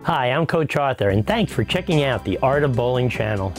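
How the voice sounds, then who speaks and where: Male bowling coach, lively and jokey, tips video, faint music behind. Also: mid-range voice, a little fast. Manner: upbeat, jokey. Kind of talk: instructional video.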